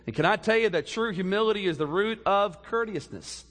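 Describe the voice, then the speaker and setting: A man preaching a sermon as pastor, swinging from soft low passages up to loud emphatic peaks. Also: a little fast, in a large hall.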